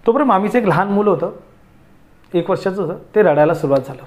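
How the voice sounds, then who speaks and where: A man's voice: high voice, expressive, quick pace, a little mellow. A man teaching students how to write essays, talking to them directly and asking them rhetorical questions. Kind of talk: essay-writing lesson.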